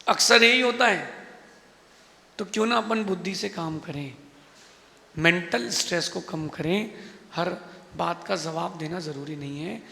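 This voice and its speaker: A Jain monk delivering an emphatic, rhetorical Hindi sermon with a preachy manner. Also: male voice, sits high, lively intonation, unhurried, gravelly, long pauses, sharp tone, slight background noise. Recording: echoey hall.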